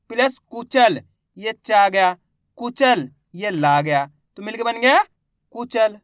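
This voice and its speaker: Dry, close teacher drilling syllables. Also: male voice, very high-pitched, fairly bright tone, no echo. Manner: drills words syllable by syllable, quizzing the listener. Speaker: Hindi reading teacher. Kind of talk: slow, repetitive classroom teaching.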